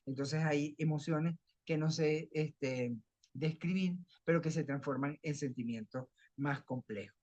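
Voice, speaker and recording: A man's voice: fairly high pitch, unhurried, a little mellow, no room sound, muffled recording. Middle-aged Venezuelan man lecturing. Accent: Venezuelan Spanish. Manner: explains with homely everyday examples, frequent self-restarts. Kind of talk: academic lecture.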